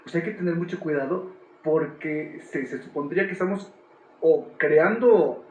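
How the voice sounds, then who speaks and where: A man's voice: fairly high pitch, normal speed, narrow, tinny audio. A man, a theater director, explaining his work thoughtfully with frequent restarts. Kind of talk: explaining in a talk. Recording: echoey room.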